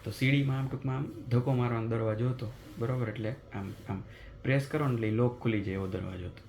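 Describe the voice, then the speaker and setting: A man, telling a story as a vlogger in a chatty, animated way, recorded in his apartment at night. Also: mid-range voice, quick pace, gravelly, slight background noise. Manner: animated retelling of a mishap, chatty and conversational. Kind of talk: casual vlog storytelling.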